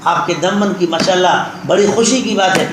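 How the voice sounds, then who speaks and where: A man with a high, lifted voice preaches a sermon, telling a tale and turning to speak straight to his listeners. His words ring through a very echoey hall, with steady background noise under them. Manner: tells a story and addresses listeners directly. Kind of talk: sermon with storytelling.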